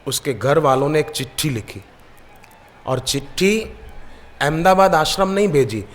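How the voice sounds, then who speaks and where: A man's voice: fairly high pitch, measured pace. Man preaching in a reverberant hall. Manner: lively storyteller who acts out the people in his anecdotes. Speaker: spiritual preacher. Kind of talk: devotional sermon with storytelling. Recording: long reverb of a large hall.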